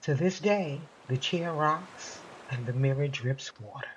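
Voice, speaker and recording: A woman narrates a scripted horror tale in a slow, measured, dramatic way. Her voice sits fairly low. She lingers on each phrase. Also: highs cut off, a little hiss or hum. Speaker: narrator and podcast host.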